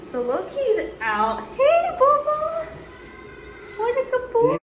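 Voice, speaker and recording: A woman's voice: very high-pitched, wildly swooping pitch, slow pace. A woman chatting casually to a handheld phone camera in a travel vlog, full of fillers and cooing at her pets. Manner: chatty, filler-heavy, coos at the cats. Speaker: pet vlogger. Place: airport and rental car. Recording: noisy phone recording in transit.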